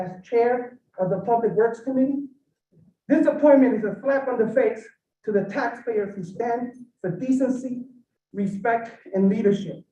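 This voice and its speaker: A woman's voice: a little high, warm tone. A woman giving a firm, emphatic prepared statement to a county legislature, addressing the chair directly. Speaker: public commenter. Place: county legislature meeting room. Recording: roomy hall audio from a distant mic, dull.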